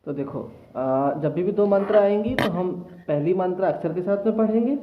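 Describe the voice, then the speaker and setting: A man teaching reading to children in a patient classroom manner, often repeating himself and sounding out letters slowly. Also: high voice, slight background noise. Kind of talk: classroom lesson. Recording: tinny phone-like audio. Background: children nearby.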